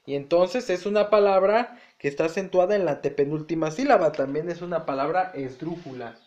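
High-voiced teacher, echoey room. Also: male voice, a little fast, a little mellow. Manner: chatty, repeats words, checks in with "ok?". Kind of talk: exam-prep lesson. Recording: echoey room, dull lo-fi sound.

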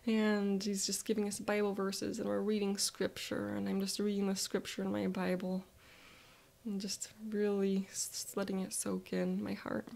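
A woman talks the listener through a guided visualization, soft and reflective, often sinking to a whisper. Her pitch stays narrow and even. A gravelly fry runs under her words. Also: normal speed.

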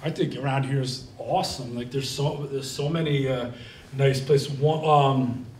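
Answering questions at a library talk, a young Vermont man speaks in a mid-range, steady, darkish voice at an unhurried pace, though his replies ramble with many fillers and restarts. He is the guest speaker, using a handheld mic in the event room, and the distant, roomy recording has a little hiss or hum.

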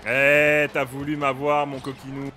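A young man playing a basketball video game, giving excitable, casual commentary, often shouting at the action and laughing. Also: medium pitch, measured pace, slight background noise. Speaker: gaming streamer.

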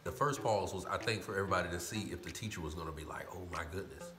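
A man's voice: sits low, racing, reverberant, over music. A man hosting an eating video, telling a laid-back, colloquial story and often repeating "you know what I'm saying". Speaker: mukbang host.

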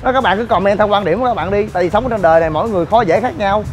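A man's voice: high voice, rapid-fire, faint music behind. A man ranting to viewers while inspecting shoddy building work, scolding and exasperated. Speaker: gym owner and vlogger. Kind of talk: ranting vlog walk-through.

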